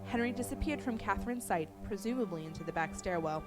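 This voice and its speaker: Lady telling a creepy campfire story, hushed and suspenseful, music behind. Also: mid-range voice, expressive, quick pace. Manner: suspenseful, hushed at tense moments. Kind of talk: dramatic horror story narration.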